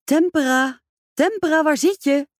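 A woman reading aloud, voicing a vain, excitable society stepmother who gushes and speaks self-importantly. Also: fairly low pitch, moderate pace, dry recording, clean studio sound, pitched above the performer's own voice. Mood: excited. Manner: gushing, self-absorbed, exclamatory.

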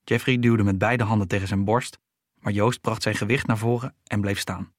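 A man narrating a children's story in a steady, even reading voice. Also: on the low side, normal speed, no room sound, clean studio sound.

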